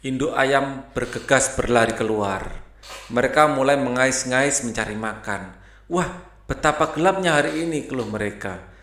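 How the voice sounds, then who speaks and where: A man's voice: medium pitch, a bit bright, roomy sound. A man teaching a primary school textbook lesson in a casual, chatty way, reading aloud and mixing in English words.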